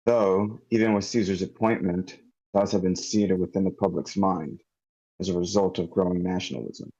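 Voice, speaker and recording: A well-spoken male narrator in his late thirties, read by a man at a table read, telling events in a measured, formal tone. His voice is very low and dark, with a husky grain. It comes through dull, lo-fi online call audio. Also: fairly even intonation. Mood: solemn. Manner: measured, formal documentary-style delivery. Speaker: volunteer reader at a script table read. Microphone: computer mic in an online meeting.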